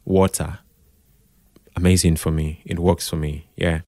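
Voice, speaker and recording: A deep-voiced Nigerian man, a radio drama producer appearing as a podcast guest, answers interview questions in a relaxed, conversational way. He's expressive and a little slow, slipping into Pidgin and repeating phrases for emphasis. The recording is dry, with no echo and little sense of the room.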